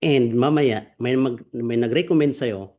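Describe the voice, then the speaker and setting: Brief: man, mid-range voice, energetic online business mentor streaming live to his students. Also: mid-range voice, measured pace. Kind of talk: live online training session.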